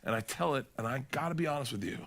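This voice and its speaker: A comedian telling stories in casual podcast chat, rambling and animated, laughing and swearing as he goes. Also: medium pitch, very fast, a little hiss or hum. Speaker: comedian guest.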